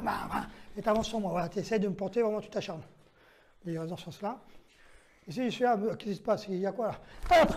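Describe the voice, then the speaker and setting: A man's voice: sits high, darkish tone. Man teaching knife defense by demonstration. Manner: explains step by step, checks in with "d'accord?"; counts moves aloud during physical demonstration. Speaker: self-defense instructor. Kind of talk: demonstration lesson.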